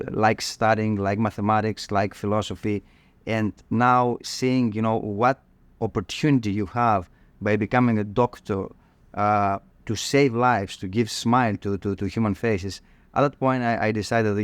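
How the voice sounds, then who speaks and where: A man from Greece with a Greek accent, a cardiologist guest on a podcast, talking in a halting way with many fillers and restarts. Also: lowish voice, no room sound. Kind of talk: podcast interview.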